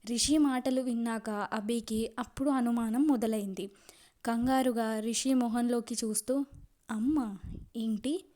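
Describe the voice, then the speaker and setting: A woman's voice: on the high side, fairly even intonation, a little slow, warm tone. A woman narrating a romantic audio story she wrote, with emotive storytelling. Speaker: writer and narrator.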